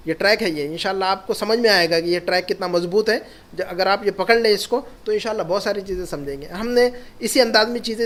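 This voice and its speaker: Man, high voice, teacher in a classroom, encouraging, repeats himself. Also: fairly bright tone. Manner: encouraging, repeats key points. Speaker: Arabic teacher. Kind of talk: classroom lesson.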